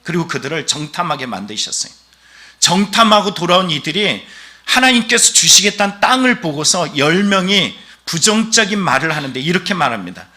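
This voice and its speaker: A male pastor preaching a sermon, questioning the congregation and having them repeat phrases, with emphatic swings in loudness. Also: a little high, big pitch swings, fairly quick. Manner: emphatic preaching that rises and falls sharply in loudness.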